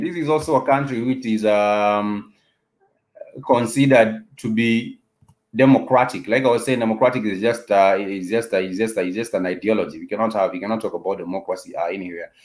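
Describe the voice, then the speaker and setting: African man giving halting political commentary. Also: fairly low pitch. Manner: halting, repeating phrases for emphasis. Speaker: host of a political discussion show.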